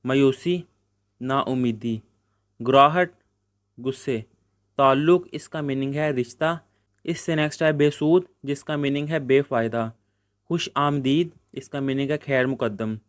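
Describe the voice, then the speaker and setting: A man teaching a school Urdu lesson with a Pakistani Punjabi accent, reading out words and their meanings in a steady dictating rhythm. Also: mid-range voice, smooth, dry recording. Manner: reads word pairs in a steady dictating rhythm. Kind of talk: Urdu textbook lesson explanation.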